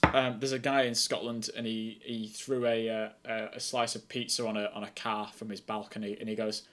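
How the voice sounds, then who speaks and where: A young man streaming as an air traffic controller, chatty and excitable between calm, clipped radio instructions. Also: fairly low pitch, moderate pace. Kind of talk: casual streaming chat and radio calls.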